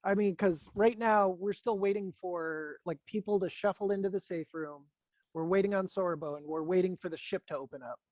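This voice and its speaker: A man's voice: sits high, moderate pace, darkish tone. A man playing in a tabletop game, hesitant and searching for words. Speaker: player. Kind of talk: casual tabletop game talk.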